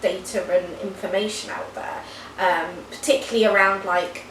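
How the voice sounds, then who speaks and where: A friendly woman in her thirties from the UK, co-hosting a casual chat and explaining in careful detail. Her voice sits at a middling pitch. She is heard from a distance in a roomy space with faint hiss. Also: fairly even intonation, moderate pace, a bit bright. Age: 30s. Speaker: co-host, nurse.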